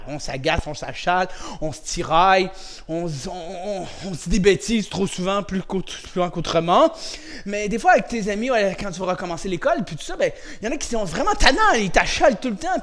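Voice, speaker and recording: A middle-aged man with a Quebec French accent, coaching children through a karate class, shouting drill commands and counting aloud, then explaining gently and laughing often. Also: sits high. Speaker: karate instructor. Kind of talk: energetic online kids' martial arts class.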